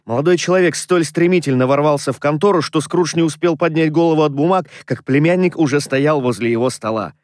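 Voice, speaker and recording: A man narrating a classic story in a measured, expressive way. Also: on the high side, no room sound, studio quality. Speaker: audiobook narrator. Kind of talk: scripted literary narration.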